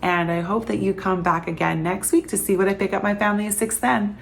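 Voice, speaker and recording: A woman's voice: medium pitch, fairly even intonation, a little fast, creaky. A woman from Canada in her thirties, chatting casually to camera as a vlogger, tired and laughing often.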